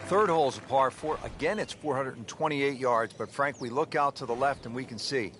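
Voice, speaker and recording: A man's voice: medium pitch, brisk, close to an everyday voice. A man playing a composed TV golf announcer, calling shots and holes as the lead commentator in a sports video game, with music behind him. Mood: composed, announcing.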